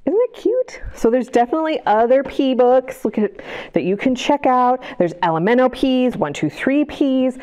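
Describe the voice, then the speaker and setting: Reading picture books to families, this children's librarian uses a high-pitched voice at a moderate pace, sing-song and lively, gasping with delight and asking the little ones questions.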